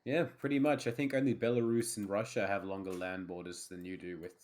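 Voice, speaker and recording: Wry Australian man, lowish voice. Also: steady tone, a little fast, a little mellow. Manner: wry storytelling with frequent laughs. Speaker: player. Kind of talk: casual chat.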